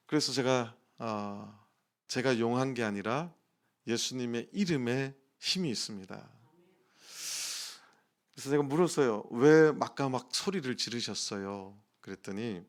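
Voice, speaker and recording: A middle-aged man preaching a sermon in a church, telling a personal story in a lively way and acting out the voices in it. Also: mid-range voice. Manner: animated storytelling, acts out quoted voices. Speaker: pastor. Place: church sanctuary.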